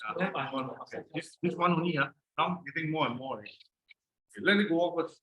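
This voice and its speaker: A man's voice: fairly high pitch, fast, bright, forceful tone. A man with a Singaporean accent giving casual, encouraging step-by-step instructions in short repeated phrases. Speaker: instructor guiding a player through a brain game. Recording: roomy, echoing sound.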